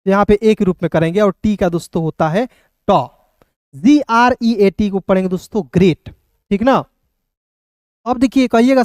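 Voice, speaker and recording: Recorded at studio quality with no room sound, a man whose voice sits high and carries a darkish tone teaches English to viewers. His classroom approach moves step by step, with frequent questions and repeated references to his audience as friends.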